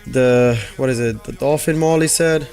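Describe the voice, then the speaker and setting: A day trader from Puerto Rico chats casually with his livestream viewers, rambling and thinking aloud with lots of fillers. His voice is medium-pitched with a somewhat dark tone, and his pace is moderate. Faint music plays in the background.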